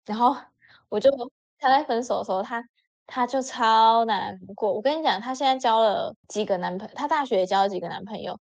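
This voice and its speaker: A woman telling a story in a casual chat with lots of expression, jumping up in pitch when she voices her friends. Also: a little fast. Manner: animated, acts out friends' lines with sudden pitch jumps. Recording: dull lo-fi audio.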